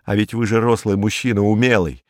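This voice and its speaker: A man's voice: lowish voice, fairly even intonation, fairly quick, darkish tone, no echo, studio quality, natural voice. Man doing a jittery, terrified gangster informer. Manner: jumpy, rambling, pleading. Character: frightened, superstitious male gangster informer.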